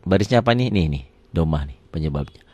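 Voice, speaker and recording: A man's voice: low-pitched, animated, fast, mellow, no echo. A middle-aged man teaching a Quran recitation lesson, patiently repeating words aloud and asking questions he answers himself. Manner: asks the class questions and answers them himself. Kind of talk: tajwid lesson.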